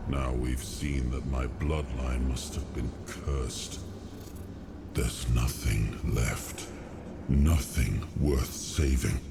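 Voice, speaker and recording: Fallen king for a fantasy game: very low, slow, grave, guilt-ridden and weary. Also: creaky, noisy background, exaggerated voice. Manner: slow, solemn, regretful monologue. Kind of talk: dramatic video game cutscene monologue.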